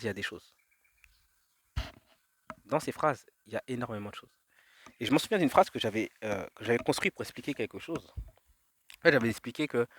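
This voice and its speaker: A man muses aloud outdoors, his thoughts wandering from one idea to the next. He trips over words, restarts sentences and fills pauses with hesitant sounds. His voice sits at an ordinary middle pitch. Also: fairly bright tone, husky. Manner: musing, drifting, many fillers and restarts. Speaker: vlogger. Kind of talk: rambling reflective monologue. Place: outdoors in nature.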